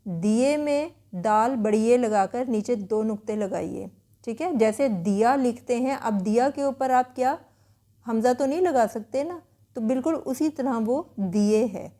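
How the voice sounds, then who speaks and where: A woman teacher calmly explaining spelling rules word by word, in a patient way. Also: a little high, a little slow.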